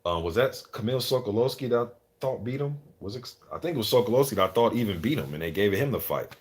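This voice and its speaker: A man's voice: on the low side, lively intonation, quick pace, slightly rough. A man hosting a live boxing commentary stream, chatting casually with viewers in slangy, informal talk with some swearing. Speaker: livestream host and boxing commentator.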